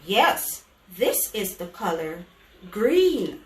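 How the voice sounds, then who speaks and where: A woman's voice: medium pitch, big pitch swings, very slow. A woman preschool teacher leading a children's call-and-response lesson in an overbright, exaggerated singsong manner. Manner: overbright, exaggerated kids-host delivery with singsong questions. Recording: echoey room, distant microphone.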